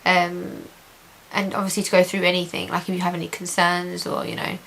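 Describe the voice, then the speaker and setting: Woman chatting to camera for a diary update, upbeat words but pretty flat intonation, bit of hiss. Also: fairly low pitch, brisk, vocal fry, low-quality recording. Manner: chatty, repeats intensifiers, positive and reassured. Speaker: patient giving a video diary update. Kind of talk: casual chat to camera. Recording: hissy home recording.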